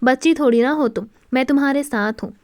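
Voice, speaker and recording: A woman voicing an agreeable young husband who quickly reassures his wife. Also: high-pitched, darkish tone, no echo, clean studio sound, natural voice. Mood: supportive.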